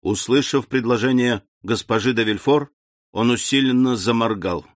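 A man narrating a classic novel as an audiobook in a measured, even manner. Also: mid-range voice, no echo. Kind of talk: audiobook reading.

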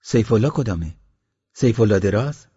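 A polite, thin working mason, played by a male narrator, asks short, plain questions in a gentle way. The voice sits a bit above the narrator's low tone and keeps its husky grain. It has a dull, lo-fi audiobook sound. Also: lively intonation, in a large hall. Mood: curious.

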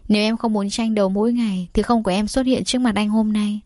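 A protective older male cousin speaks haltingly in a storybook reading, as a woman narrator puts him on. The sound is dry and close, and the pitch stays in a middle register. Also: steady tone, warm tone, no echo, natural voice. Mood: hesitant. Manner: hesitant.

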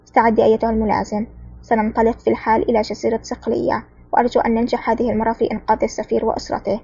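A woman reading the lines of a calm, cool-headed male spy hero in an audiobook, speaking firmly and wryly. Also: a little high, racing, creaky, husky, no echo, highs cut off. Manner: calm, firm, wry.

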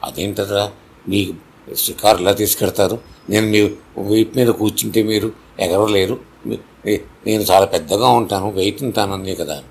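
A man voicing a curious, chatty female turtle in a children's story, in a creaky, husky voice and with eager, wondering questions. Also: on the low side, steady tone, normal speed, pauses often.

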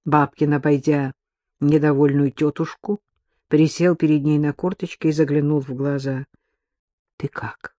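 A man narrating a novel as an audiobook in an even, measured storytelling manner. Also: fairly high pitch, no room sound. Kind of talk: scripted narration.

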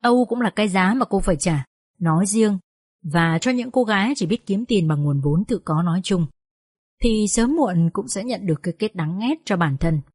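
Woman reading a story aloud, steady narration, mid pitch, very dry close mic. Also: moderate pace, husky, no room sound. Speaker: audiobook reader.

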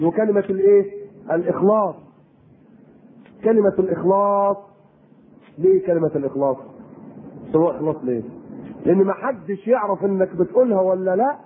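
A man with an Egyptian Arabic accent preaching an animated sermon, firing rhetorical questions at his audience. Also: high voice. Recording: tinny lo-fi recording with faint noise.

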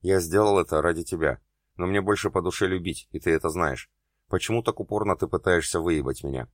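A man's voice: sits low, brisk, no echo, clean studio sound. A man voicing an adult man who is hurt and jealous but still loves his partner, speaking bitterly and pleadingly in an audiobook.

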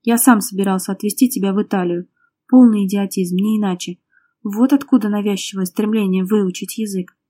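A woman's voice: medium pitch, steady tone, brisk, warm tone, lightly acted. A woman voicing a hot-tempered, jealous young man who snaps and threatens in an audiobook. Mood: furious. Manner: curt, snapping, menacing.

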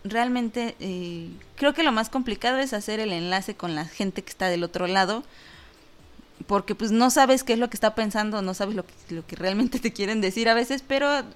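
A woman with a Mexican accent hosts an online talk show, speaking at normal speed in a mid-range voice. She reads out listener comments in a casual, joking way, with lots of fillers and laughter.

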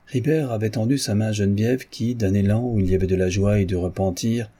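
Brief: male audiobook narrator, dark and mellow, measured literary reading. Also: fairly low pitch, fairly even intonation, husky.

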